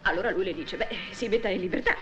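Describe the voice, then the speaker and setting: An actress playing a gossipy young wife chattering on the phone to her mother in a 1960s film, quick to take offence. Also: mid-range voice, lo-fi sound, natural voice. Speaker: housewife on the phone. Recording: 1960s film soundtrack with music behind.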